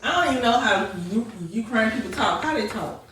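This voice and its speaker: A woman co-hosting a podcast, ranting loudly and casually with plenty of profanity. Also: fairly high pitch, fairly quick, recorded from a distance, over a noisy crowd. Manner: loud, animated ranting with profanity. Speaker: podcast co-host. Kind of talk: casual chat. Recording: echoey room, off-mic, light noise.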